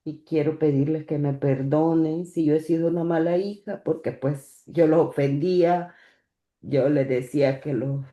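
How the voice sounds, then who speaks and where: A woman giving a personal religious testimony in church. She speaks haltingly, stopping and repeating words as she goes. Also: low voice, steady tone, warm tone, highs cut off. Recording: echoey church room.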